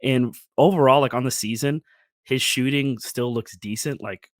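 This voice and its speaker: A relaxed male co-host chats about basketball in a loose, easygoing way at a mid pitch. His voice sounds dry and close to the mic. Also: moderate pace, no room sound. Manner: easygoing, relaxed, filler-heavy. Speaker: podcast co-host. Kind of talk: casual sports podcast chat.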